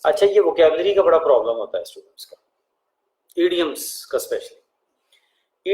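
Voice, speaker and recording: A man, a teacher answering students' exam questions in a relaxed live question-and-answer session. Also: fairly high pitch, reverberant, low-quality recording. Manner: relaxed, reads out questions and answers them in turn.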